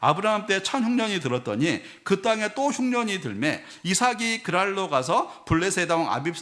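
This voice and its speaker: A man's voice: high-pitched, very animated, moderate pace, a bit bright. A man, the senior pastor, preaching a sermon earnestly, with fillers and restarts.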